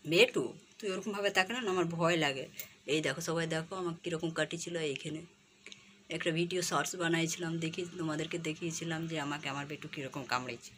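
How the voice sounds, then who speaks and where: A woman's voice: fast, a bit bright. Woman coaxing her pet parrot. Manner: coaxing baby talk to her parrot, rising high. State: sore throat. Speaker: pet vlogger. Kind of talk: casual chat to viewers. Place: home kitchen. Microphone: phone camera. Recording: noisy home recording.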